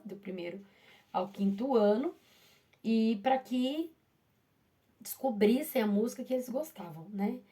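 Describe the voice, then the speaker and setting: A woman from Brazil speaks with a mellow, soft-edged tone at an ordinary mid pitch. She tells her teaching story in a loose, chatty way, stopping and restarting and turning to her listeners with little asides. Her delivery is warm-toned and unhurried. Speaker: primary school teacher. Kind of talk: casual personal storytelling.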